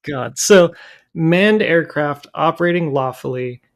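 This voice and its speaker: A man's voice: fairly high pitch, expressive, a little slow. A man co-hosting a podcast, reacting with sarcastic disbelief in casual chat. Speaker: podcast co-host.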